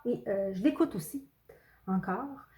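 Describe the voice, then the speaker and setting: A woman's voice: medium pitch, lively intonation, dark tone. A woman, chatting casually and hesitantly with her viewers, often apologetic and poking fun at herself. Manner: hesitant, pauses often with fillers; self-deprecating and apologetic. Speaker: coloring channel host. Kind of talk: casual chat answering a video tag.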